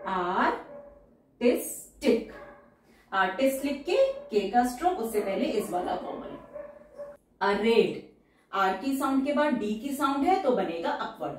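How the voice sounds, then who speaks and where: A woman teaching shorthand, explaining each outline step by step and repeating every word slowly and carefully. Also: a little high, lively intonation, recorded from a distance, slight background noise. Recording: very echoey room, voice from off the mic.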